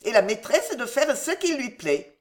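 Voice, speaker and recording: Woman doing a curt chilly captain, short clipped lines, pitch on the high side. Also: very animated, normal speed. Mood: cold. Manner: curt, cold. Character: curt, cold male sea captain.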